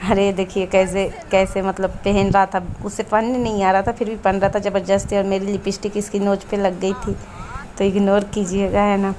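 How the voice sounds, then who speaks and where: A woman chatting in a casual home vlog, often pausing to search for the right word. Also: mid-range voice, flat delivery, a little mellow, a little hiss or hum. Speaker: home vlogger. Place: home in an Indian village.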